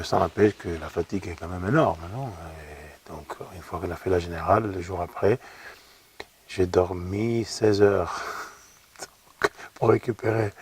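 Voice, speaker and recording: A middle-aged Argentine man, an opera singer appearing as a guest, talks in a relaxed interview with an Argentine Spanish accent. His low, slightly mellow voice comes from a distant mic with a little background noise. He speaks thoughtfully, often repeating words as he hunts for the right ones.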